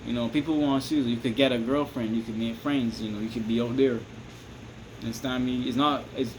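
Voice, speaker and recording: Talking a little fast at a middling pitch, a Barbadian-accented vlogger offers loose, casual advice to camera. A steady hiss and air-conditioner hum sit beneath him as he rambles, restarts often and checks in with "you understand me?"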